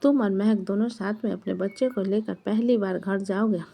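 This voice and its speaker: A woman's voice: medium pitch, steady tone, moderate pace, gravelly, mellow. A woman reading the lines of a stern but caring aunt in a story, speaking firmly and scolding. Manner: firm, scolding.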